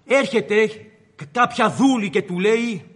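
A man with a high voice delivers a sermon, retelling a story with dramatic flair and speaking straight to his listeners. His voice rings out in a large hall with a long echo, like a church. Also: a bit bright, breathy edge. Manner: dramatic storytelling, addressing the congregation directly. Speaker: preacher.

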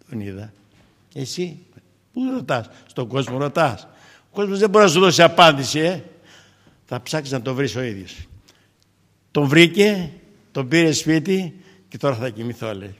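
Fervent older preacher in a reverberant hall. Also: male voice, medium pitch. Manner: swings from loud fervent exhortation to quiet storytelling. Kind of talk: sermon.

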